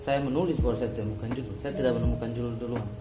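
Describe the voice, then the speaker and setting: A man, a guest writer telling anecdotes in a lively way, often acting out other people's voices. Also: medium pitch, racing. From Maluku, Indonesia. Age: 20s. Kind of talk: anecdotal storytelling. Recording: roomy hall with music behind.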